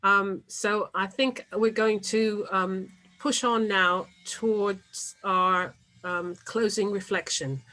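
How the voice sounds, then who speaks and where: A woman's voice: mid-range voice, steady tone, slow pace, bright, forceful tone. A woman hosting an online church meeting, speaking with many fillers and restarts as she moderates questions. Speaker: webinar host.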